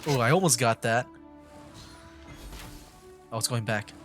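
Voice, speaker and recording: A man streams a game as a VTuber, offering casual live commentary while thinking aloud and letting out mild exclamations. His mid-range voice is unhurried with a fairly bright tone, and faint game music plays behind him.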